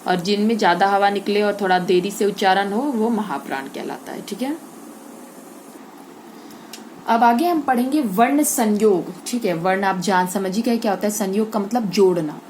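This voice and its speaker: A woman's voice: mid-range voice, moderate pace, few pauses, darkish tone, a little hiss or hum. A woman teaching a Hindi grammar lesson to schoolchildren, explaining step by step and asking and answering her own questions.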